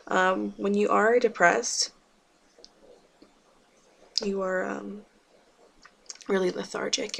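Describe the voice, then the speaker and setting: A woman talking to camera in a personal confessional vlog, subdued and halting, with many fillers and restarts. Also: mid-range voice, vocal fry, slight background noise. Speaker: vlogger.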